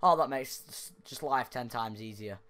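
Chatty young gaming YouTuber. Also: male voice, medium pitch, normal speed, fairly bright tone. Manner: chatty, yelps and laughs at mishaps. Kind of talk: casual gameplay commentary. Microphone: desk microphone spoken into closely.

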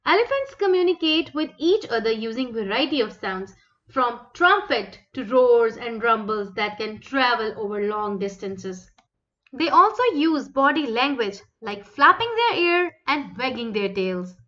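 A woman's voice: a little high, expressive, unhurried, a bit bright, lo-fi sound. A woman reading scripted nature documentary narration for children in a presentational, explanatory manner. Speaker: narrator of a children's educational animal video.

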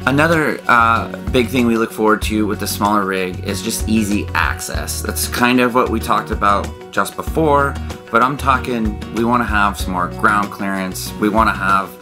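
A man's voice: lowish voice, normal speed. A man in his thirties talking casually to camera as a vlog co-host, explaining things from inside a small trailer. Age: 30s. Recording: soft guitar music behind the voice.

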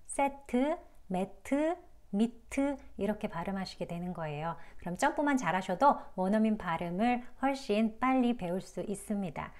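A woman's voice: mid-range voice, darkish tone. Patient woman teaching pronunciation. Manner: patient, demonstrative, polite and encouraging. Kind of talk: online phonics lesson.

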